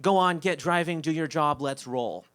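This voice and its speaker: A man's voice: fairly high pitch, normal speed, a bit bright, natural voice. A man quoting a drunk brawler who taunts and curses, in a live storytelling set. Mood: impatient. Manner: taunting, profane.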